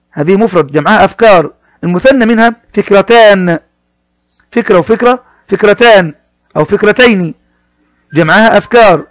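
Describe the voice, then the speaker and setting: A man's voice: high-pitched, no echo. A man teaches a children's reading lesson. He goes word by word, repeating phrases and addressing the pupils directly. The recording is dry and close. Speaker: primary school teacher.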